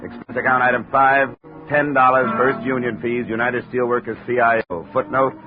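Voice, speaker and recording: On a tinny vintage radio recording with music behind him, the lead actor of a 1950s radio detective drama narrates as a hardboiled, wisecracking American insurance investigator. His natural male voice sits at medium pitch with a level tone and normal speed. He sounds wry, clipped, businesslike and matter-of-fact.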